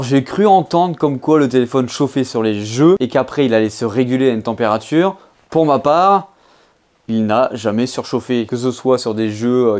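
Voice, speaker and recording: A man's voice: mid-range voice, a little mellow. A man giving a casual phone review, chatting informally and addressing the viewer directly with frequent fillers. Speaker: tech reviewer.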